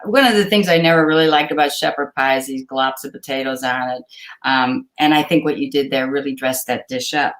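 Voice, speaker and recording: A woman's voice: extremely low pitch, fairly quick, fairly bright tone. A woman giving an enthusiastic, thorough food critique as a judge over a video call. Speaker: cooking judge.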